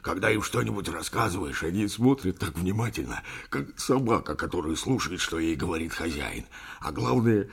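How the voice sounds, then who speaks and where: A man's voice: deep voice, lively intonation, moderate pace, vocal fry, husky, exaggerated voice. A man voicing an older, sentimental sea captain who rambles through a yarn in an audiobook. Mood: tender. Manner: rambling folksy storytelling, addresses listener as brother. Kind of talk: audiobook character reading.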